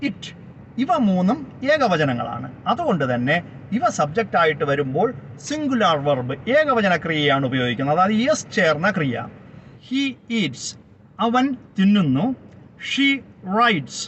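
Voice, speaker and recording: A man teaching a slow, explanatory grammar lesson, spelling words out letter by letter and giving each translation. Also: sits high, a bit bright. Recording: slightly dull lo-fi recording with faint background noise.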